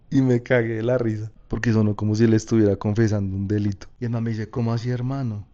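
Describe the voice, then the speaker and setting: A man with a Colombian Paisa accent telling a personal story in a casual, slangy, lively way. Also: lowish voice, fast talker, hardly any pauses, muffled recording. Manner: casual, slangy, animated retelling.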